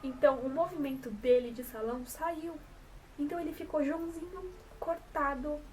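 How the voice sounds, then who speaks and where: A woman's voice: sits high, moderate pace, darkish tone. Young Brazilian woman vlogger, São Paulo coast accent, chatty and rambling, slightly distant mic with a faint room hum. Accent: São Paulo coast Brazilian Portuguese. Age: 20s. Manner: chatty, rambling, self-correcting. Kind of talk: casual to-camera vlog.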